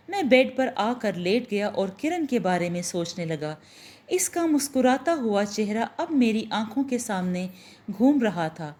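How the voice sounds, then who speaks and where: A woman narrating a horror-romance story in a steady, expressive reading voice. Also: fairly high pitch.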